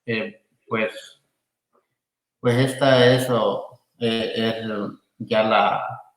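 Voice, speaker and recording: A man pastor from Honduras answering interview questions in a halting, deliberate way, pausing as he recalls dates. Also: on the low side, fairly even intonation. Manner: halting and deliberate, with long pauses. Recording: echoey room.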